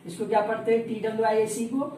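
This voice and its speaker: A man's voice: high-pitched, level tone, dark tone, faint music behind. Man teaching a class, spelling stuff out over and over, sounds distant in an echoey room. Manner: repeats words slowly, spells them letter by letter. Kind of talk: classroom lesson. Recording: roomy echo, distant from the mic, faint noise.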